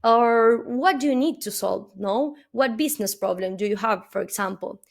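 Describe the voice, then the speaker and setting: A woman from Argentina, whose first language is Spanish, gives an earnest keynote in English for a webinar, her Argentine accent clear. Her pitch is fairly high, her pace moderate, and her voice gravelly, with frequent "uh" fillers and "no?" tags.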